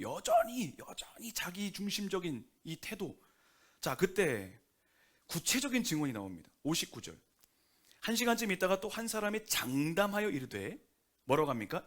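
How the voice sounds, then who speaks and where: A man preaching a Sunday sermon as pastor, conversational and lively, often acting out quotes. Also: fairly high pitch. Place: church sanctuary.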